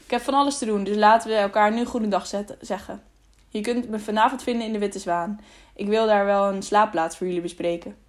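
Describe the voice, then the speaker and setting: A woman's voice: mid-range voice, steady tone, brisk, close to an everyday voice. A woman reading as a friendly merchant. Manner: friendly, easygoing. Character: hearty older male merchant, friendly. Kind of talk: audiobook character reading.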